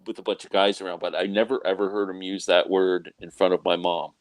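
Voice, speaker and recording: An older man in a casual chat, telling an amused story with a lively delivery. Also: low-pitched, brisk.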